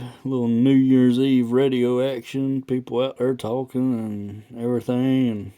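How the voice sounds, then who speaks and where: A man talking casually and haltingly as a radio hobbyist, in a laid-back, folksy, rambling way. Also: mid-range voice, dark tone. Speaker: radio hobbyist video maker.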